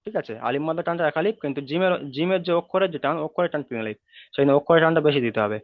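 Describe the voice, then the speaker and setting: A man's voice: a little high, expressive, racing, no echo. A man teaching Quran reading in an online class, repeating each rule patiently and drawing out the vowel sounds. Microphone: video call. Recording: tinny call audio, dry.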